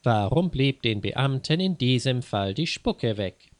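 A male narrator reads a story for language learners at a slow, deliberate pace. His voice sounds close and dry, with no room sound. He stops to explain everyday idioms. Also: medium pitch, expressive, dry recording.

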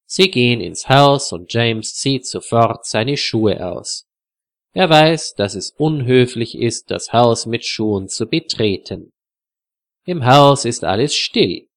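A male narrator reads a simple story at a slow, measured pace, every word clear for learners. His voice sits in an ordinary middle range. The sound is dry and close to the mic. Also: medium pitch, lively intonation, dry recording.

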